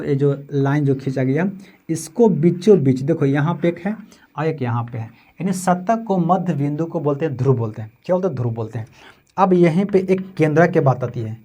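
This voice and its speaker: A man's voice: fairly high pitch, mellow. A man with a Bihari Hindi accent teaching a physics lesson, repeating terms and asking questions that he answers himself. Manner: repetitive, checks with 'समझे?' and 'है ना'; asks questions then answers them himself.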